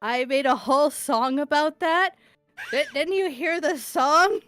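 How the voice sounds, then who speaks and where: A woman's voice: sits high, measured pace, fairly bright tone. A woman playing in a tabletop game, talking in character with stammers and giggles.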